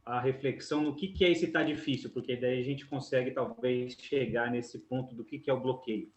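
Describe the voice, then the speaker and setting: A man's voice: mid-range voice, fairly even intonation, normal speed. A man hosting a live talk, interjecting hesitantly and repeating his words. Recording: echoey room.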